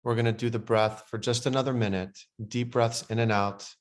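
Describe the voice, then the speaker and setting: A male meditation guide leads a breathwork practice, slowly and soothingly, letting his voice drop softer and quieter for the relaxation segments. His voice is mid-range with a steady tone.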